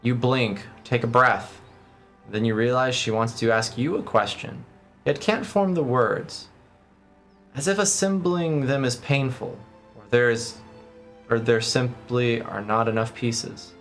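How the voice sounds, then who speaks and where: A man's voice: mid-range voice, unhurried, a bit bright. A man streaming a video game, switching between casual commentary and reading the game's text aloud. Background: game music.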